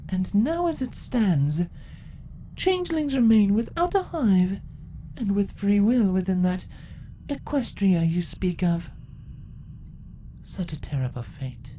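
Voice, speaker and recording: An imperious fantasy storybook empress, ancient and menacing. Her high voice swoops with condescension while staying deliberate and in control. Faint ambience sits behind her. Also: big pitch swings, dark tone, slight background noise, low-quality recording. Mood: calm, menacing.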